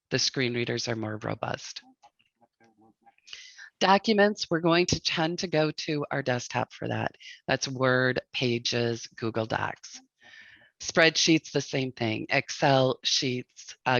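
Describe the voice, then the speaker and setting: A man's voice: medium pitch, a bit bright, no room sound. A man presenting an instructional webinar, giving direct, practical advice. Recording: dull lo-fi dry audio.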